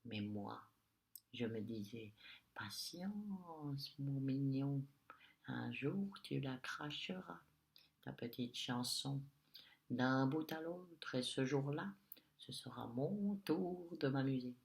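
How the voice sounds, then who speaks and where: A man voicing a mean old witch with a small, sharp, sour voice, a whispered role-play as he reads a storybook tale. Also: medium pitch, expressive, slow pace, vocal fry. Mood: sneering. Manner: sneering, mocking.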